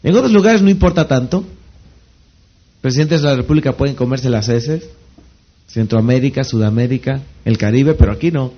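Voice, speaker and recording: A man with a Mexican accent giving a motivational seminar talk as a network marketing trainer. He keeps asking rhetorical questions and pauses for the audience to finish his sentences. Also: medium pitch, lo-fi sound. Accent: Mexican Spanish. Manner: rhetorical questions, pausing for the audience to fill in words.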